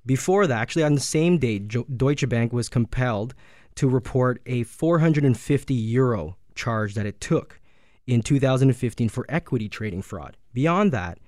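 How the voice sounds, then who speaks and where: A man's voice: medium pitch, expressive, moderate pace, a little mellow, dry recording, clean studio sound. A man co-hosting a finance radio show, earnestly reading out news reports and weighing in on them. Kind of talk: casual radio talk on finance.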